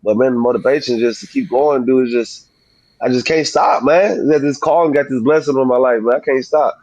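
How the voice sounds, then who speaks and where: A man's voice: mid-range voice, a little fast, a little mellow, dry recording, low-quality recording. Male boxer, thirties, slangy interview chat. Slurred, slushy sibilants; very dry sound. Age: 30s. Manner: informal, slangy, frequently saying "man". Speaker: professional boxer, interview guest.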